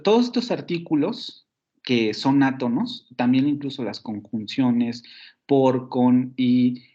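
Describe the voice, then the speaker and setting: Over a slightly muffled lo-fi recording, the mid-range, darkish voice of a Mexican phonetics lecturer walks through slides in an online university class. Speaking with a Mexican Spanish accent, he explains patiently, repeats words, self-corrects and drops fillers such as "ujú".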